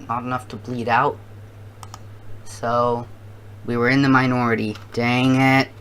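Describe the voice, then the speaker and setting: Slow, halting challenge video host. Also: mid-range voice, little pitch movement, fairly bright tone, clean tone. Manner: halting, thinking aloud. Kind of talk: casual commentary to viewers.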